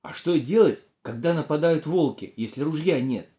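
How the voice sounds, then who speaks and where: A man's voice: fairly high pitch, expressive, normal speed, dark tone, natural voice. A man voicing a picky, stubborn young boy in a storybook reading, whiny and argumentative. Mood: worried. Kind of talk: storybook character voice.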